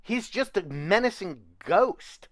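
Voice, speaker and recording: A man's voice: high-pitched, lively intonation, slow pace, a bit bright, no room sound. A man co-hosting a podcast, chatting casually and telling rambling stories that trail off and restart. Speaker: podcast co-host. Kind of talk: casual chat.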